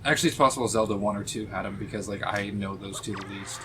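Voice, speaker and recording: A man's voice: lowish voice, fast talker, heavy background noise. A man streaming a video game, chatting casually with viewers and swearing freely at enemies. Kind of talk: casual live-stream chat while playing. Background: game music.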